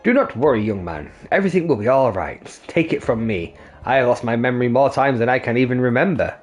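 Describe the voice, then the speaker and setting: A grandiloquent video game sleuth who speaks in ornate, self-important phrases, as a man puts him on. The voice sits at an ordinary middle pitch. Faint music plays underneath. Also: big pitch swings, a little fast, lightly acted. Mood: pompous. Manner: florid, theatrical, self-important. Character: pompous, grandiloquent gentleman inspector, adult man.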